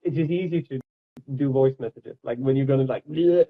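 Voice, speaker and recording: A man's voice: mid-range voice, fairly quick. A young man with a Swedish accent, speaking as a guest, thoughtful and searching for words, with frequent laughs. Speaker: music producer, guest. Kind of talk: casual livestream chat. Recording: tinny phone-like call audio.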